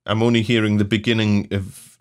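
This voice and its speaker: A man's voice: lowish voice, little pitch movement, a little fast. A man co-hosting a podcast, talking in a chatty, explaining way over a video call. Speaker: podcast co-host. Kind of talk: casual chat.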